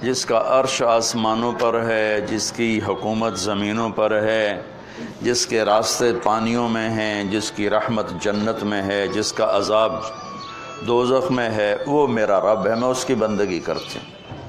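A man's voice: fairly low pitch, fairly even intonation, faint music behind, lightly acted. A man voicing a devout dead lizard. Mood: reverent. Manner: slow, solemn recitation.

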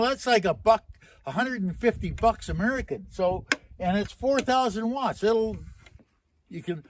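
A Canadian man vlogging in a rambling, joking way, casually swearing as he talks through a project. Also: high voice. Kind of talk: casual chat.

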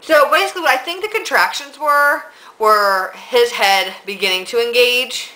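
Young woman, vlogger, bright tone, congested nose, breathless, chatty and rambling. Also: fairly high pitch, normal speed, low-quality recording. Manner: chatty, rambling, many ums and likes. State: stuffy nose. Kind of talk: casual pregnancy vlog.

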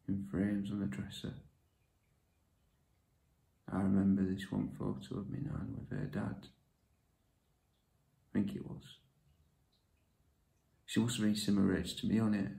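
An actor playing a withdrawn man raised by his grandmother, talking in a halting, confiding way that often drops to a whisper. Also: on the low side, monotone, vocal fry, warm tone. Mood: confessional. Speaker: actor performing a monologue. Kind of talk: dramatic monologue. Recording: echoey room.

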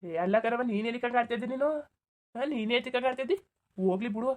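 A woman voicing a calm, reasonable young village woman in a cartoon, soothing and reasoning with a rural Karnataka Kannada accent. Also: on the high side, fast, natural voice. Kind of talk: cartoon voice acting.

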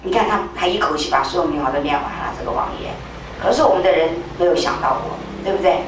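An older woman telling a religious testimony as a spiritual leader, animated, acting out voices with sudden high leaps. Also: fast talker. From Taiwan. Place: temple hall. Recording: very echoey hall, distant mic, faint hiss.

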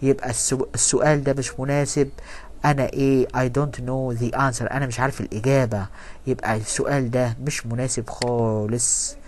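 A man's voice: mid-range voice, flat delivery, darkish tone, slight background noise. Egyptian man teaching English grammar. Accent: Egyptian Arabic. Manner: reads English sentences slowly, then explains quickly in Arabic. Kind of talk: classroom grammar lesson.

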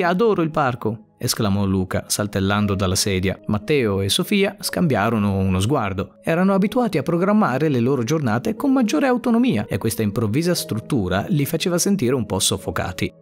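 A man narrating a scripted story in a dramatic, expressive way. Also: on the low side.

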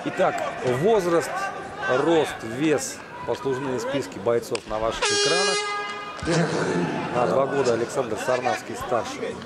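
A man giving live sports commentary on a fight in an excitable, exclamatory way. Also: medium pitch, a little slow. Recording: loud arena noise and crowd. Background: fight crowd and arena noise.

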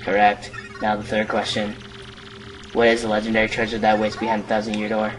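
A man's voice: fairly low pitch, monotone, a little fast, recorded from a distance, over music, lightly acted, low-quality recording. A man voicing a formal, clipped male quiz computer in a video game.

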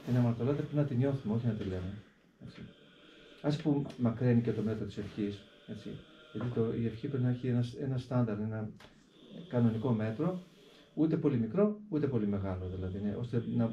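Deep, mellow-voiced monk in an echoey space. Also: male voice. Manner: deliberate, often repeats a filler word; recites the prayer slowly with varied stress. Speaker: hermit monk. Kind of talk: interview; explaining a prayer. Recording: echoey, dull recording with faint background noise.

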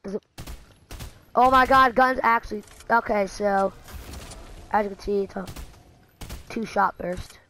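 A woman giving excitable, rambling gameplay commentary, full of fillers and restarts, dropping to mutters and jumping to shrieks. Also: unhurried, long pauses, a little hiss or hum, rough recording. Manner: excitable, swings from low muttering to sudden shrieks. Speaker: gaming channel host.

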